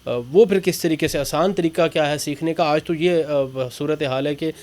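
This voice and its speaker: A man with a Pakistani Urdu accent hosting an interview, asking questions and murmuring frequent soft agreement. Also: a little high, fairly even intonation. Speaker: interview host. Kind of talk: studio interview.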